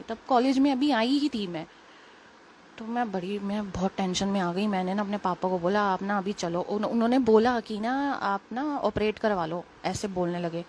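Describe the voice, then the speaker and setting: A young woman, a little unwell, telling a personal story in quick, rambling, casual talk full of fillers. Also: medium pitch, darkish tone, a little hiss or hum. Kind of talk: casual spoken testimony.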